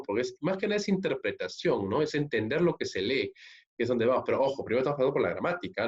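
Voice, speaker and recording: A man teaching an English grammar lesson, explaining step by step and often checking with "¿ok?" or "¿no?". He slows down and stresses the key words. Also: mid-range voice, darkish tone. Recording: dull lo-fi recording.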